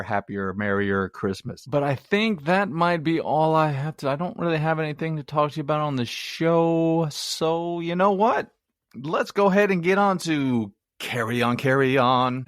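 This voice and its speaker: A man's voice: medium pitch, dry recording, clean studio sound. A man hosting his own movie review podcast, chatty and rambling, with self-mocking asides. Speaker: podcast host.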